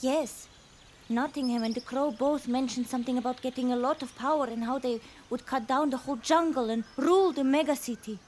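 A woman's voice: high-pitched, a little fast, a little mellow, a little hiss or hum, close to an everyday voice. A woman voicing an earnest, persuasive animal friend in a children's jungle audio story.

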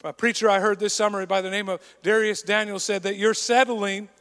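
A man's voice: high-pitched, level tone, fairly quick, fairly bright tone, clear, resonant tone. A man preaching a sermon in an earnest, conversational storytelling way. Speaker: pastor. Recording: long reverb of a large hall.

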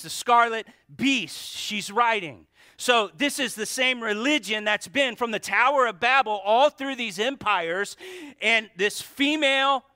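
A man's voice: high-pitched, bright, forceful tone, dry recording. Guy preaching into a pulpit mic, dry close sound, punchy, keeps asking the church questions. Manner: emphatic, repeats key words and asks the congregation rhetorical questions. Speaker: pastor. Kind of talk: sermon.

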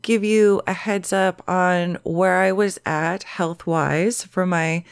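A young woman hosting her own podcast while sick, her voice pitched a little low yet still smooth and clear. She chats in a relaxed, direct way to her listeners. The sound is dry and close, with no room around it. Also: slow, no echo. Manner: chatty, relaxed, talks straight to listeners. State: sick, voice lower than usual. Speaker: podcast host. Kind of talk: casual solo podcast chat.

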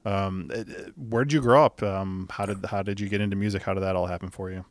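A man's voice: sits low, fairly even intonation, quick pace, no room sound. A man hosting an interview podcast, chatting casually and asking friendly follow-up questions. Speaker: podcast host.

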